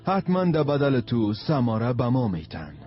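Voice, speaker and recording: A man's voice: mid-range voice, very animated, close to an everyday voice. An actor playing a menacing male kidnapper who gives orders and mocks his captive, in a dubbed TV drama. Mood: taunting. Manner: taunting, commanding. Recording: dull lo-fi dubbed film audio with music.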